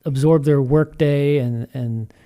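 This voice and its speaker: A man's voice: mid-range voice, fairly even intonation, takes it slowly, mellow. A man hosting a podcast interview, asking hesitant, roundabout questions with frequent restarts. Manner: hesitant, many fillers and restarts. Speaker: podcast host. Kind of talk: casual interview.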